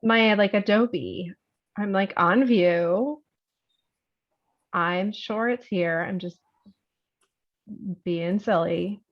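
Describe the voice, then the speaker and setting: Slow-talking woman on muffled call. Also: medium pitch. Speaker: session facilitator. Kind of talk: casual video call chat.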